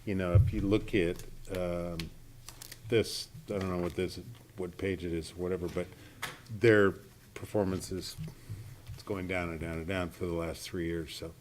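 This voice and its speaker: Man trustee, lowish voice, halting and loose, asks questions at a public board meeting. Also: fairly even intonation, a little mellow, a little hiss or hum. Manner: rambling, hesitant, self-correcting.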